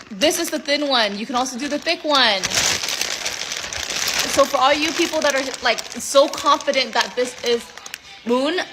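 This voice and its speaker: A young woman chatting through a casual food vlog, quick and joking as she cooks in her home kitchen on a phone. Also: sits high, noisy background. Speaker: food vlogger.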